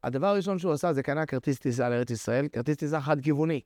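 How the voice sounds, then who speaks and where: A man telling a religious story as a sermon, emphatic and passionate, swinging his pitch widely. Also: darkish tone, dry recording, clean studio sound. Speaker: preacher.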